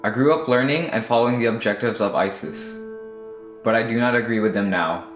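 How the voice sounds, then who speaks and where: A man's voice: medium pitch, brisk, reverberant, music in the background, natural voice. A young man playing a regretful militant narrator. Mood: sombre. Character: troubled male militant narrator, quietly regretful. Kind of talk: scripted narration.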